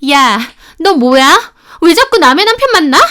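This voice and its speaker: A woman voicing a spiteful young mistress who yells shrill insults in an audio story. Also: expressive, measured pace, smooth. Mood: shrieking.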